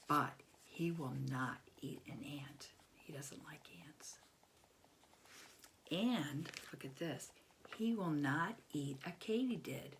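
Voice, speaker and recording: Her voice is deep: an American woman in her fifties, reading a picture book expressively to young children inside a small bedroom at home. She explains things simply and asks the listener questions, and the recording carries a faint hiss or hum.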